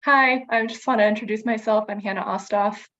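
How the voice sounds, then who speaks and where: A woman in her thirties joins a public meeting by video conference call, her voice coming through a dull, lo-fi remote connection. She speaks at an ordinary pitch and introduces herself briefly in a friendly, eager way. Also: fairly even intonation, a little fast, sharp tone. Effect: heard over a video conference call. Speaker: board appointee.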